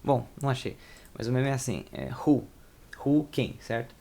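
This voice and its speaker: Gravelly-voiced Brazilian man teaching casually. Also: mid-range voice, expressive, normal speed, warm tone. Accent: Brazilian Portuguese. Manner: rambling, self-correcting, informal slang. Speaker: English teacher. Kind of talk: casual explanatory lesson.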